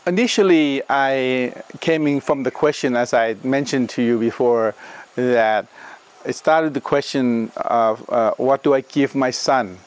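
A man in his fifties from Australia, telling his personal story in an interview outdoors, pausing often with fillers and restarts. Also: mid-range voice, faint music behind. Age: 50s. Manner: halting, many fillers and restarts. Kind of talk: reflective personal account. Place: outdoors in a leafy garden.

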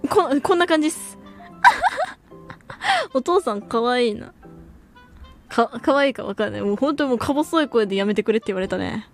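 A young woman chats away on a livestream in a high, bouncy voice that swoops up and down as she answers viewer comments. She talks in casual slang and breaks into laughter often. Faint music plays quietly behind her. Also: sing-song, normal speed, pauses often. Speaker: VTuber streamer.

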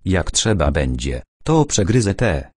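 A man voicing a brash, loutish petty thief who blusters in a low, husky voice, read within an audiobook. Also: very animated, measured pace, a little mellow, dry recording, clean studio sound, heavily acted. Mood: blustering.

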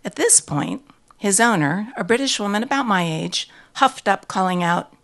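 An American woman reading her own personal story aloud, wry, self-mocking and expressive. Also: medium pitch, moderate pace. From United States.

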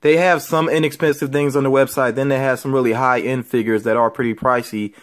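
In a room filled with shelves of figures, a man who vlogs about collectibles does a relaxed show-and-tell for his audience. He talks a little fast, with a mid-range voice and a level tone.

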